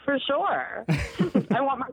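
A woman's voice: sits high, very animated, takes it slowly, slightly rough. A woman talking over a phone line on speakerphone, chatty and giggly, with lots of "like" fillers, as a guest in a casual phone interview.

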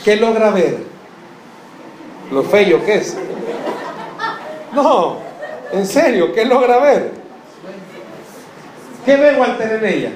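A man preaching a sermon, his voice pitched high. He puts questions straight to the congregation, drops in joking asides and slows right down to hammer key words. The sound rings around a reverberant room with a faint hum underneath. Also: big pitch swings, a little mellow, a faint crowd. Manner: slows and stresses words for emphasis. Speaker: pastor. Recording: echoey room, faint background noise.

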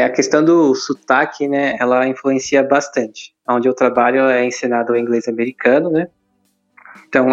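A man with a Brazilian accent, an English teacher, calmly explaining with examples. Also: medium pitch, muffled recording. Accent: Brazilian Portuguese. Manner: calm, explanatory, gives examples. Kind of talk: casual explaining.

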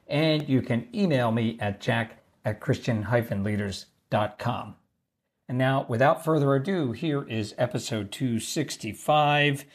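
A man with a mid-range voice hosts his own podcast, explaining ideas in a calm and measured way. He is recording away from home on a basic video-call mic, so the sound comes across as a low-quality stream rather than a clean studio recording. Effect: lower-quality laptop mic instead of his usual studio mic. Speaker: podcast host. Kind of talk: solo podcast talk on leadership. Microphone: basic mic normally used for video calls.

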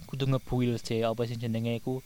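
A man's voice: mid-range voice, level tone, a little fast, warm tone, smooth. A young man with an East Javanese accent, co-hosting a casual podcast in a teasing, mock-lecturing way. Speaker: podcast co-host.

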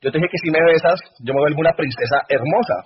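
A man's voice: a little high, quick pace, breathy edge. A man voicing a pushy female talking frog who claims to be a princess, speaking insistently. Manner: insistent, pleading. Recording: dull lo-fi recording.

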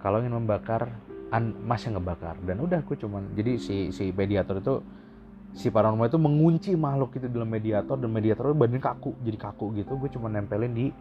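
A man's voice: mid-range voice, fast talker. A young man telling a personal story casually, emotional and blunt, swearing and mixing in English. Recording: lo-fi with music behind.

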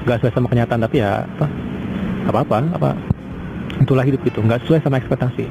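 A man in his twenties rambles through a casual personal podcast monologue, hesitating with many fillers and restarts. His medium-pitched voice is gravelly and racing, with outdoor traffic noise in the background.

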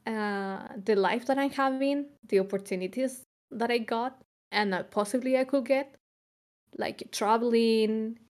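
Co-hosting a podcast, a young woman from Chile talks in a relaxed, thoughtful way, often using fillers and starting sentences over. She speaks a little slowly, in a slightly high and slightly mellow voice.

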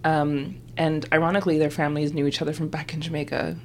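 A young woman from Canada hosts a podcast, her voice unusually deep for a woman. She talks in an easygoing way, laughs often and fills pauses with soft murmurs. A faint hum of noise runs under the recording. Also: flat delivery. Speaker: podcast host. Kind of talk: casual conversation.

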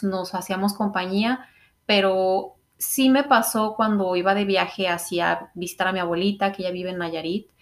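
A young adult woman with a Mexican accent, co-hosting a podcast in a chatty, informal, playful way. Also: mid-range voice. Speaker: podcast co-host. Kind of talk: casual chat.

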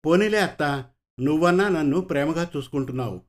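A man reading the lines of a hurt, quiet young boy in a storybook, in a subdued, soft voice. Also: a little high, expressive, fairly quick, lightly acted.

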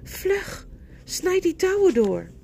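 A woman voicing an enchanted young male knight who begs and pleads, breaking into frantic shouts. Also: very high-pitched, sing-song, slow, creaky, a little hiss or hum, voice pushed up, heavily acted. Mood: pleading.

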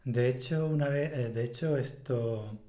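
A man's voice: mid-range voice, unhurried, mellow. Guy from spain chatting on a podcast, explains stuff, restarts a lot, roomy echo. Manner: explains at length, restarting phrases. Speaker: podcast host. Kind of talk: casual conversational chat. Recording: echoey room.

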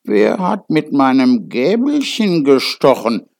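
A man voicing seven kindly little male dwarfs in a storybook reading, in a raised, louder questioning voice. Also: mid-range voice, big pitch swings, takes it slowly, creaky, voice pushed up, full character voice. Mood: puzzled.

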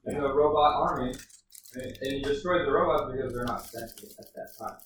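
A man's voice: mid-range voice, fast talker. A man in casual chat who explains things at length and keeps checking in with "right?". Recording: roomy echo, distant mic, faint noise.

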